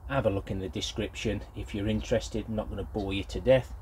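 An older British man, grandfatherly in age, talks fast in a lowish, slightly mellow voice with fairly even intonation. He's a gardening vlogger giving a casual, unscripted product review, hesitant and rambling. The recording is low quality, with a little hiss or hum.

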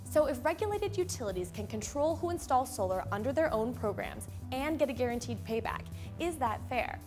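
A young woman hosting a scripted explainer in a studio, speaking clearly and upbeat into a lapel mic. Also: high-pitched, expressive, fairly quick, music in the background. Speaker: host. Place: studio with a plain gray backdrop.

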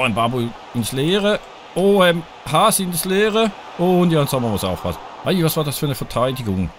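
A man commenting his football video game as he plays, his pitch leaping up and dropping down as the play swings back and forth. He reacts loudly to near misses and speaks straight to his viewers. A faint hiss sits under the voice. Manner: excitable, groans and cheers at each chance, talks to viewers. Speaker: gaming YouTuber playing a football video game. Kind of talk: live let's-play commentary.

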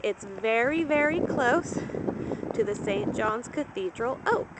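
A woman's voice: a little high, animated, slow pace, very noisy. A woman narrating a guided tour as she walks outdoors through a cemetery, recorded on a handheld camera. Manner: informative, walking and pointing things out. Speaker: travel vlogger. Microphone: handheld camera mic.

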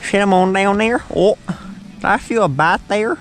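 A man's voice: high-pitched, unhurried, fairly bright tone, slight background noise. A man with a Southern accent hosting a fishing show, chatting in a folksy, joking way from a boat on a lake. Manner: folksy, joking, calls his buddy "son". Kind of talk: casual chat while fishing.

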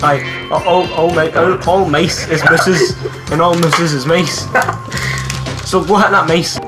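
A man's voice: a little high, fairly even intonation, measured pace. A young man joining a casual let's-play as co-player, rambling and silly. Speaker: co-player guest. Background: game music.

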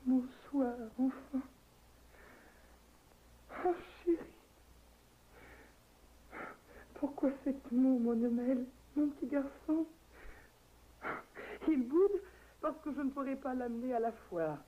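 A woman's voice: sits high, slow, long pauses, breathy edge, full character voice. An actress playing a dying young wife in a 1960s radio drama, faint and breathless as she drifts into delirium. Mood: tender. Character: dying young wife Alceste, feverish and tender. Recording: tinny old radio recording, faint hiss.

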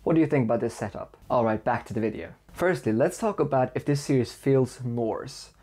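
In an indoor room with bookshelves, a young adult book reviewer from the Faroe Islands delivers a scripted review. A native Faroese speaker, he has a mellow, expressive mid-range voice with a breathy edge and heaps on praise enthusiastically, point by measured point.

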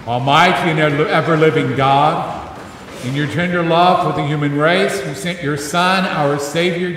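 A priest's solemn, measured intoning rolls through a cathedral echo, the man's voice sitting a little high. He is heard from well back in a vast, long-ringing stone hall, with a faint murmur of the room around him. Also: fairly bright tone, a little hiss or hum. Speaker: priest leading worship. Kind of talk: intoned liturgical prayer. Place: large church. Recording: echoey cathedral from far off, faint ambience.

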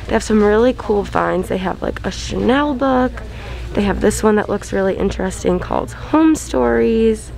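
A young Florida woman who vlogs about home decor chats casually, gushing over her finds as she films in stores and later from a parked car. Her mid-range voice is gravelly and a little mellow, and her bubbly talk is packed with fillers, recorded on a handheld camera.

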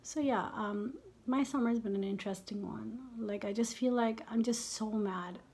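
A woman's voice: on the high side, moderate pace, darkish tone. Candid, foul-mouthed woman vlogger in her fifties. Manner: candid and profane, often dropping to half-whispered asides. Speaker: beauty vlogger. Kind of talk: casual makeup chat.

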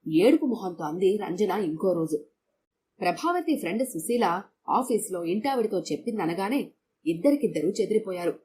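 A woman storyteller reads a domestic tale in a steady, expressive narration at a middle pitch. Her delivery is scripted and even. A faint hum of background noise sits under the voice. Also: normal speed.

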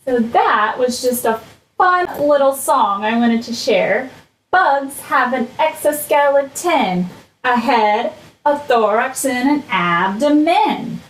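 Slow singsong woman teaching little kids. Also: high-pitched, lively intonation, a little hiss or hum. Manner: broad, singsong delivery for little children, with prompting questions. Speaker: early childhood teacher. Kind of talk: online lesson for young children. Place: small furnished room at home. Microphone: computer mic at desk, video call framing. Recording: roomy home computer recording.

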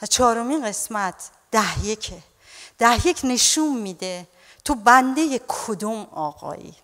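A woman pastor preaching a sermon in an animated way, often calling her listeners dear ones. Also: on the high side, big-room sound.

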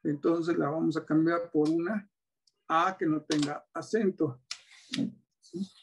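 A man's voice: a little high, steady tone, slow pace, lo-fi sound, background noise. A man with a Mexican Spanish accent demonstrating teaching materials, patiently checking in with his audience as he explains. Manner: patient, asks many rhetorical checks. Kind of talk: classroom-style demonstration.

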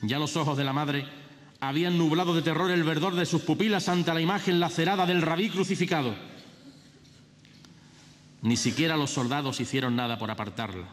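A man's voice: a little high, fairly quick. Reverberant hall, background hiss, middle-aged man, solemn herald-like proclamation, theatrical religious verse. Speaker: festival orator giving a Holy Week proclamation. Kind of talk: declaimed religious verse oratory. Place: large theatre stage. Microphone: lectern microphone.

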